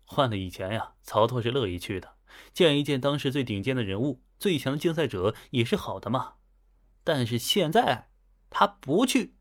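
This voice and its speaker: A man's voice: mid-range voice, brisk. Guy reading a novel aloud, casual chatty storyteller. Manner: chatty, lively asides. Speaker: narrator. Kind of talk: audiobook storytelling.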